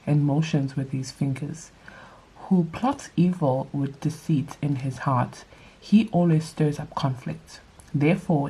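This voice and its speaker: In her Bible study vlog, a young woman reads scripture aloud and drops in brief casual comments, her voice nasal and congested from allergies. It sits low with a warm, husky tone, and the audio quality is poor.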